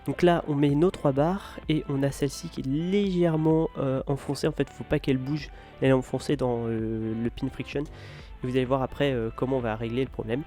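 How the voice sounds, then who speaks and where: A man guiding viewers through a building tutorial in a relaxed, hesitant way, with many fillers. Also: medium pitch, a little fast, soft background music. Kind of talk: casual step-by-step tutorial.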